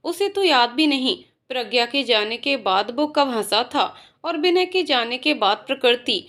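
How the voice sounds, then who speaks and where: High-voiced woman reading a story. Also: a bit bright. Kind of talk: scripted narration of a romance story.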